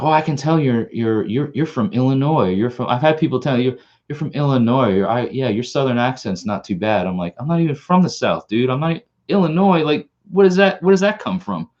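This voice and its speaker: A channel host from Long Island, New York, with a Long Island accent, rambles through a casual live stream, with lots of restarts and repeated words. His voice is medium-pitched with a darkish tone, and the audio is dull.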